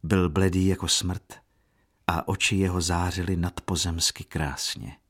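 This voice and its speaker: A man narrating a classic novel in a measured, expressive audiobook reading. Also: low-pitched, husky.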